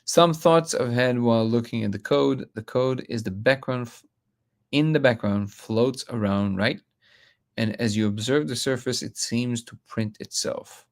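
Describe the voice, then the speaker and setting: A man's voice: medium pitch, a little slow. A man from Russia hosting a live stream, reading comments aloud and talking bluntly with frequent restarts.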